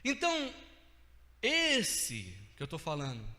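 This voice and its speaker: Animated Brazilian preacher in a reverberant hall. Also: male voice, high voice, slow pace. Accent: Brazilian Portuguese. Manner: animated, rising to emphatic outbursts. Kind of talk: sermon.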